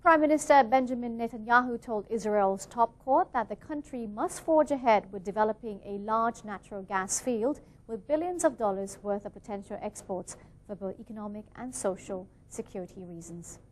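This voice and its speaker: A woman's voice: mid-range voice, lively intonation, normal speed, a little hiss or hum. A woman reading scripted television news as an anchor.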